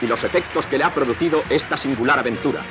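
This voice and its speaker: A man's voice: mid-range voice, fast talker. A man giving formal, declamatory narration on an old 1960s newsreel soundtrack. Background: music.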